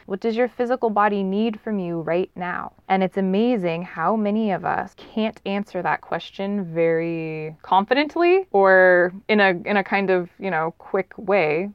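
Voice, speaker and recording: A woman speaking as a wellness coach on a podcast, gently and soothingly guiding listeners to tune in to their bodies. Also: mid-range voice, a little slow, few pauses, clear, resonant tone, dry recording, lo-fi sound. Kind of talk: guided body-awareness talk in a podcast conversation.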